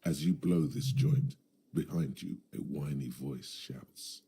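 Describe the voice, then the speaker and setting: A man's voice: very deep voice, big pitch swings, slow, creaky, dark tone, husky, heavily acted. An actor voicing a sardonic, all-knowing male narrator in a video game, with dramatic narration.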